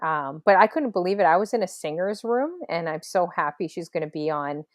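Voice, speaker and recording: A woman's voice: on the low side, animated, brisk, no room sound. A woman hosting a casual streamed talk show, chatty and upbeat, laughing easily. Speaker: host. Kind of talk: casual chat.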